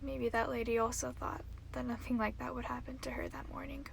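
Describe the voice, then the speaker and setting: A woman's voice: high voice, flat delivery, a little fast, creaky, slight background noise. An actress playing an uneasy woman who muses about her safety in a film monologue. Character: uneasy woman wary of random violence.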